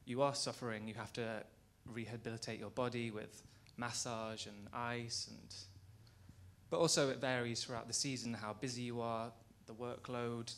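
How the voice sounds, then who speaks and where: A man's voice: mid-range voice, fairly even intonation, normal speed, creaky, fairly bright tone. A male ballet dancer answering a question in an earnest, explanatory way in a rehearsal studio. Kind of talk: conversational Q&A answer.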